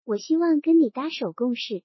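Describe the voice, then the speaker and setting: A woman voicing a calm, frank young revolutionary man in a storybook reading, speaking plainly with a light joking edge. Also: high voice, normal speed, dry recording. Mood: candid. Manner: calm, candid, gently joking. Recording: dull lo-fi sound.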